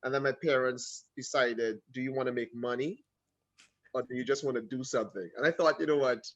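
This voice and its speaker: A Trinidadian man tells his story as a guest on a casual video call interview, animated and full of quick asides. His voice is medium in pitch, and the sound is lo-fi.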